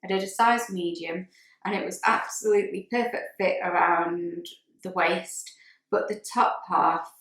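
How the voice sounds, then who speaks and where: A woman's voice: on the low side, steady tone, measured pace, a bit bright, echoey room, rough recording. Chatty woman sewing vlogger. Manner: chatty, hesitant, lots of ums and restarts. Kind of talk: casual chat to camera.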